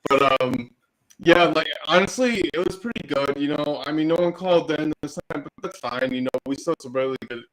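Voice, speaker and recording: A man's voice: fairly high pitch, a little fast, fairly bright tone, poor audio. A man co-hosting a podcast remotely, speaking in a laid-back, slangy way and saying "dude" and "you know" a lot. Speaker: podcast co-host. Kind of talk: casual chat over a call.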